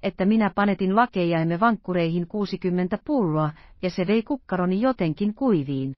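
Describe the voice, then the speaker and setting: A woman's voice: lowish voice, animated, dry recording, dull audio, natural voice. A woman reading the part of a grave, dry-witted male musketeer who speaks weightily. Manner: weighty, deliberate.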